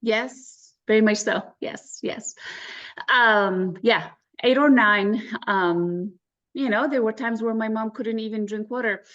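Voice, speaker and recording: Speaking slowly in a slightly high, somewhat bright voice, an Iraqi real estate agent from Baghdad, around forty, recounts her life story frankly as an interview guest. The sound quality is lo-fi.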